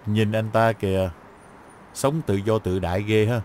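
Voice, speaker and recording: A man's voice: fairly low pitch, steady tone, unhurried, background noise, natural voice. A man playing a chatty, cocky detective. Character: cocky young male detective, a con artist inside. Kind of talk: dubbed drama. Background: background music.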